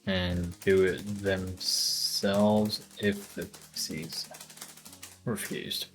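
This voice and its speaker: A man's voice: low-pitched, flat delivery, extremely slow, soft background music. A man streaming live, casually brainstorming ideas for a tabletop game and thinking aloud with many hesitations.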